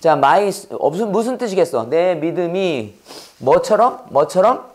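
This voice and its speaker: Lively, drilling grammar teacher. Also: medium pitch. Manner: drills learners with repeated questions and call-and-response; reads example sentences slowly and deliberately. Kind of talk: recorded classroom lecture.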